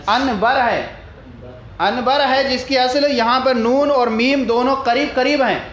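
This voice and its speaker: A man's voice: very high-pitched, steady tone, a bit bright. A man teaching a religious studies lesson. He explains a text line by line, asks questions and answers them himself, and repeats his points. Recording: echoey room with faint background noise.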